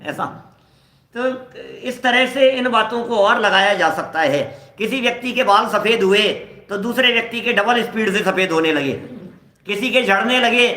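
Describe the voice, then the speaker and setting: Bright, high-voiced man teaching scripture. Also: reverberant. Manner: conversational, explains with everyday examples, acts out quoted dialogue. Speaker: religious teacher. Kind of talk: scripture class lecture.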